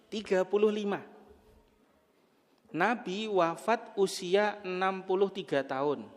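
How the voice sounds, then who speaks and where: A man's voice: high-pitched, slow pace. Man giving a joking sermon in a hall. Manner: humorous storytelling, jokes with audience. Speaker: preacher. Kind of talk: sermon to a women's study group. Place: mosque.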